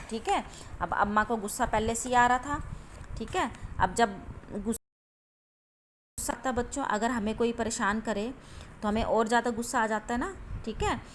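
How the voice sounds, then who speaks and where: A woman's voice: medium pitch, fairly bright tone, slight background noise. A woman schoolteacher explaining a story to young children, repeating herself and asking the class questions. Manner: patient, asks the class questions and repeats "okay" constantly. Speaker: school teacher.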